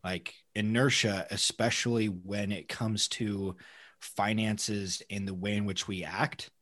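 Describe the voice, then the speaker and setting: A man in conversational podcast talk as co-host, thinking aloud in a halting way. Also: lowish voice, fairly even intonation, a bit bright.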